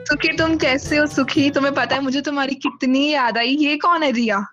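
A woman's voice: sits high, steady tone, moderate pace, a bit bright, muffled recording, faint music behind. A woman on game voice chat, clingy and dramatic, possessively claiming a man. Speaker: ex-girlfriend in a prank.

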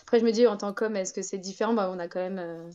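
A woman's voice: medium pitch, fairly even intonation, fast talker, warm tone. Woman from europe, casual chat, lots of euh and restarts, a bit muffled. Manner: hesitant, many fillers and restarts, frank. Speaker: guest traveler. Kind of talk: casual chat on a live talk show.

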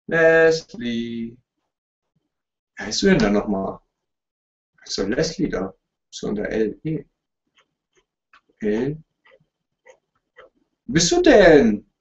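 A man's voice: medium pitch, lively intonation, takes it slowly, long pauses. A man chatting casually on a livestream, answering viewers' questions in a jokey, apologetic way. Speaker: YouTuber hosting a livestream. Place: room at home, sitting in front of a couch. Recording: roomy, distant, dull webcam stream audio.

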